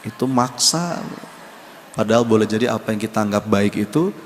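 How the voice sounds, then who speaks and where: A male preacher giving an animated sermon, stressing key words and addressing his listeners directly. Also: lowish voice, brisk, big-room sound, a little hiss or hum.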